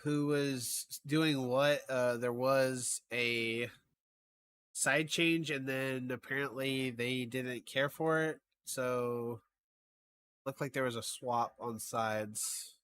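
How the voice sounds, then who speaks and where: A man's voice: mid-range voice, fairly even intonation, slow, a bit bright, clean tone. A man casting an esports match in a casual, chatty way, often thinking aloud and trailing off. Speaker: esports caster.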